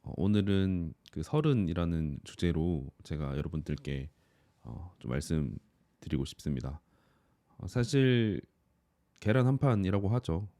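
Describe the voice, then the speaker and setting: Deep-voiced man of thirty, calm reflection. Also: measured pace, no echo. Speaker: office worker and YouTuber. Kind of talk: reflective personal monologue.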